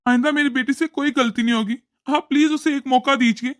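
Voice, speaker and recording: A voice actor playing a worried, polite middle-aged father in a cartoon, pleading to calm things down. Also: extremely high pitch, brisk. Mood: appeasing. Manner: pleading, appeasing.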